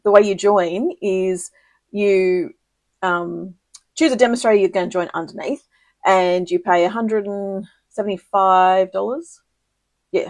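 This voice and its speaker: A woman hosting a casual live crafting tutorial, chatty and giggly, with many ums and quick self-corrections. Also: medium pitch, dry recording. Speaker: papercraft demonstrator hosting a live video.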